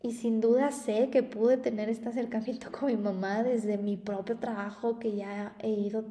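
Young woman, Mexican Spanish accent, podcast host, chatty storytelling, mellow tone, echoey room. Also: fairly high pitch, flat delivery, normal speed. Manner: chatty, warm storytelling with frequent laughs. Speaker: podcast host and spiritual therapist. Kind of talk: casual spoken monologue.

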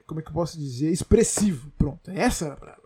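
A young man with a Brazilian Portuguese accent, hosting a podcast in casual chat, rambling and excitable, often correcting himself. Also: fairly high pitch, fast talker, breathy edge. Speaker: podcast host.

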